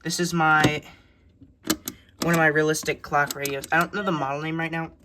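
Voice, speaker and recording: Halting hobbyist narrator, noisy phone recording. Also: medium pitch, level tone. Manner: halting, listing items one by one. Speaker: hobbyist collector presenting a radio collection. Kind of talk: casual show-and-tell narration of a collection. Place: indoor room with shelves of electronics. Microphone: handheld phone behind the camera.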